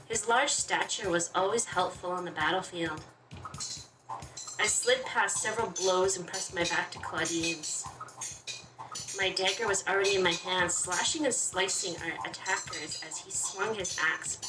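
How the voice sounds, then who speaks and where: Lowish-voiced and chatty, a woman plays through a game, reacting as she goes and reading its story text with expression. It's let's play commentary, captured in a roomy, distant recording with game music playing behind.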